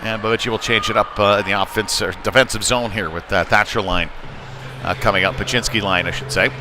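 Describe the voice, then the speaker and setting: Rinkside in an indoor arena, this hockey commentator calls youth play live over the noisy ambience of the rink. His fairly low voice moves briskly, and his hesitant, conversational delivery climbs with excitement on shots.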